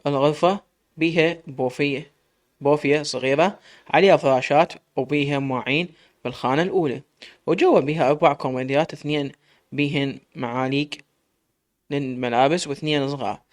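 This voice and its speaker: A man's voice: fairly high pitch, fairly quick. Iraqi man reading a story. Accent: Iraqi Arabic. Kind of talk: first-person story reading.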